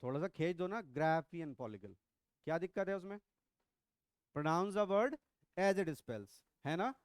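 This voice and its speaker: Middle-aged male biology teacher, high smooth voice, playful and quizzing. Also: measured pace, no echo, clean studio sound. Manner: teasing, quizzing students, mixes English into Hindi. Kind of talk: classroom lecture. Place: classroom.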